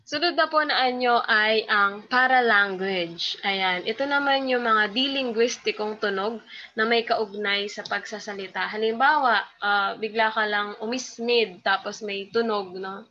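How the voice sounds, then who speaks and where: A Filipina teacher gives a recorded lecture in a bright, clear voice. She explains patiently and chattily, with many small fillers and questions to her listeners. The sound is slightly dull and lo-fi. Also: medium pitch, unhurried.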